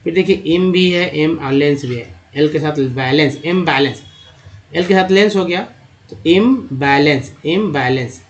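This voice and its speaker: A man runs a spoken phonics lesson, spelling letters one by one and sounding out each word. His voice sits a touch high for a man. The recording is dull and lo-fi. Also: moderate pace. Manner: spells out letters and sounds them, addresses viewers as friends. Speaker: English reading teacher.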